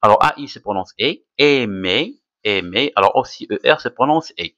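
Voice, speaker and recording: A man's voice: mid-range voice, animated, fast, fairly bright tone, highs cut off. A man with a Moroccan accent teaching a French phonics lesson, spelling out letters and repeating each word several times. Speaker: primary school teacher.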